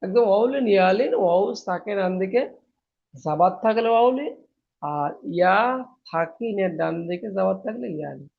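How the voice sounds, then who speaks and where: A man teaching Quran reading, chanting letter and vowel drills and correcting students gently. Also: high-pitched, animated, creaky. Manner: chanting syllables, brisk explanations, gentle corrections. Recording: dull lo-fi recording.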